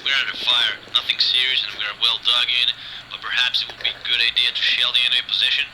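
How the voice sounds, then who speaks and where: A soldier over a radio. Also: male voice, mid-range voice, fast talker, background noise. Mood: calm report. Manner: calm, clipped military radio talk. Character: infantry soldier reporting in by field radio. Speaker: game character.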